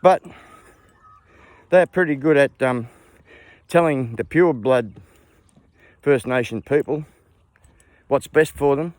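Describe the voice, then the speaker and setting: A man's voice: mid-range voice, slow pace, pauses often, dry recording. Blunt older Australian man ranting. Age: 70s. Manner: blunt, opinionated, rambling. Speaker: vlogger and hobby farmer. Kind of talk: casual ranting monologue. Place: outdoors on a small farm among animals.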